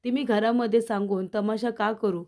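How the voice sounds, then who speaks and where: A woman voicing a watchful, resolute young woman who calmly explains her reasons. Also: on the high side, normal speed, natural voice. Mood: determined. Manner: determined, explaining.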